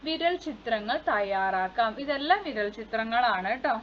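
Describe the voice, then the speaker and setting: A woman's voice: fairly high pitch, expressive, moderate pace. A woman teaching a children's textbook lesson, reading the story aloud and explaining it in simple words. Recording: slightly dull sound with faint noise.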